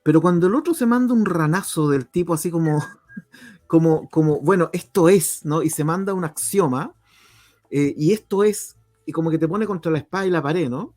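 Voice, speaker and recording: A man's voice: on the high side, a little fast, darkish tone, dry recording, clean studio sound, faint music behind. A man with a Chilean accent hosting a talk program, musing aloud and asking searching questions. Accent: Chilean Spanish. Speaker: radio program host.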